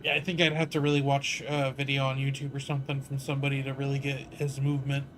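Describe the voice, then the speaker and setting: A man's voice: mid-range voice, monotone, quick pace, noisy background. Laid-back rambling male streamer. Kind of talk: casual chat while gaming.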